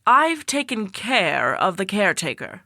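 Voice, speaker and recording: A woman's voice: mid-range voice, very animated, a little slow, sharp tone, dry recording, clean studio sound, heavily acted. Woman playing a bossy alien schoolteacher. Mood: commanding. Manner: bossy, commanding. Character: scheming alien teacher in human disguise, female. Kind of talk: amateur audio drama.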